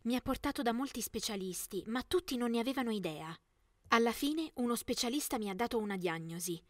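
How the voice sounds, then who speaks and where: Young woman narrating with a higher-pitched voice. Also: animated, brisk, no echo. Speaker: narrator of an animated story, as a teenage girl. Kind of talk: scripted first-person story narration.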